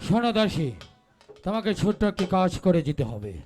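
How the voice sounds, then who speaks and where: A man's voice: high-pitched, big pitch swings, fairly quick, over music. An actor playing a vengeful, menacing king in declamatory Bengali jatra folk theatre, imperious and commanding. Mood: scheming command.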